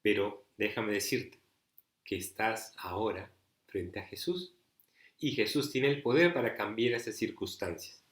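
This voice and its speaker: A man's voice: fairly low pitch, a little slow. Man preaching a sermon in an echoey room. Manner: rhetorical questions, pleading and emphatic.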